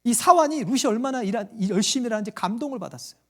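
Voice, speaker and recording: A man's voice: very high-pitched, expressive, rapid-fire. A male pastor preaching a sermon to his congregation, quizzing them with questions and acting out the voices in his stories. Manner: acts out quoted voices in a story.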